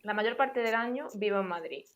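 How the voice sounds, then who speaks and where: A young adult woman co-hosting a casual podcast, explaining points in a clear, organized way. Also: medium pitch, fairly quick. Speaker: podcast co-host.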